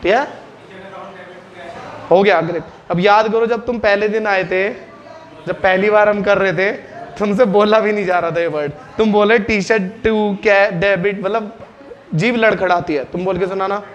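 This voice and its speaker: A man teaching a classroom lesson, drilling his students with quick questions and getting them to answer out loud. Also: high-pitched, steady tone, highs cut off.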